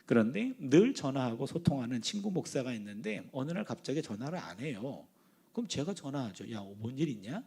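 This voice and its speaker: A man around sixty giving a sermon as a guest preacher, telling stories in a lively way and acting out phone conversations. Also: mid-range voice, brisk, gravelly, breathy edge. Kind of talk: sermon with storytelling.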